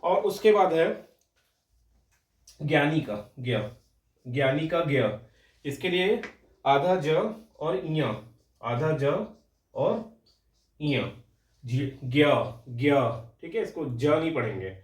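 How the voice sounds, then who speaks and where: A man's voice: fairly high pitch, expressive, slow, long pauses, echoey room, far from the mic. A young man teaching a Hindi grammar lecture for exam aspirants, explaining patiently, repeating words and often checking in with his students.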